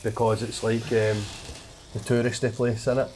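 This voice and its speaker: A man's voice: medium pitch, level tone, moderate pace, noisy background. A man with a thick, broad Glaswegian Scottish accent in casual podcast chat, speaking colloquially with an occasional slight stutter. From Glasgow, Scotland. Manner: colloquial, broad Scots wording, some swearing. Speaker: stand-up comedian, podcast guest.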